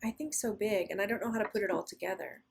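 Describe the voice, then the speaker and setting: A woman co-hosting a casual spiritual podcast, telling stories animatedly and often pausing to search for words. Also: medium pitch, gravelly, slightly rough. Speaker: podcast co-host.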